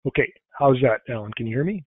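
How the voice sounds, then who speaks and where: A man's voice: mid-range voice, lively intonation, quick pace, no echo. A man explains things on a webinar in a loose, filler-heavy way, and his call audio keeps glitching and breaking up. The sound is thin and phone-like, with no room at all around it. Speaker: webinar panelist. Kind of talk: technical Q&A answers. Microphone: laptop or webcam mic on a video call. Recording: tinny, dry video-call line.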